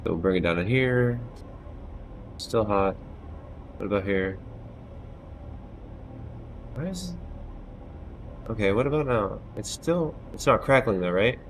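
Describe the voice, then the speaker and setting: A game streamer in his thirties talks casually on a live stream from a small room at home, loud, loose and self-deprecating, swearing often into a headset mic. His voice is on the low side and expressive, slow with long pauses. The audio is poor, with a little hiss or hum.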